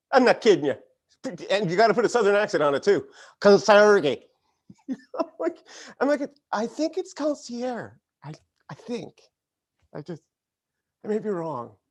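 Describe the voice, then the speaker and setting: A man from Connecticut hosting a late-night stream, talking casually and animatedly, often laughing between lines. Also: a little high. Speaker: late-night show host. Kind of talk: casual monologue. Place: home studio, live stream.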